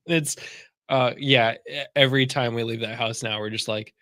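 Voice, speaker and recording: Bright-voiced man chatting and laughing. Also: medium pitch, fairly even intonation, moderate pace, no echo, studio quality. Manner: laughs through his stories. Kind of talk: casual chat.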